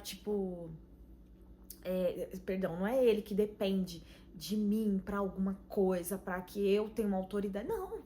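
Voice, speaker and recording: A young Brazilian woman sharing an earnest, emotional faith testimony, full of pauses and "you know?" tags. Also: mid-range voice, warm tone, a little hiss or hum. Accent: Brazilian Portuguese. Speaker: channel host giving a faith testimony. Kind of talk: personal testimony vlog.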